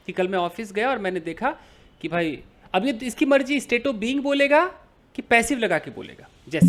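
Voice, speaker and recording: Hindi-speaking man teaching English grammar. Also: sits high. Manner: explains with everyday examples, asks and answers his own questions. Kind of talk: grammar lesson.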